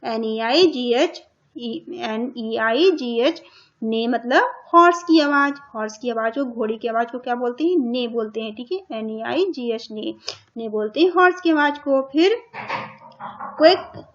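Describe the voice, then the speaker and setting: A woman teacher with a high voice works through a lesson for young children. She says each word again and again, spells it out letter by letter, and keeps putting questions to the class. The sound is slightly dull and lo-fi. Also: expressive, a little slow. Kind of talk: online class lesson in Hindi and English.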